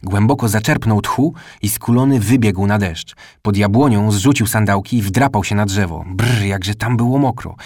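Low, dry-voiced male audiobook narrator. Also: moderate pace, hardly any pauses, a little mellow, no room sound. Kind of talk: scripted storybook narration.

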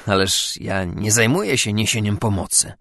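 A charming, self-assured gentleman seducer, read by a man in a lowered, soft, amused tone. The voice is gravelly and rises and falls freely. The recording is dry and close. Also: expressive, moderate pace, dry recording, exaggerated voice.

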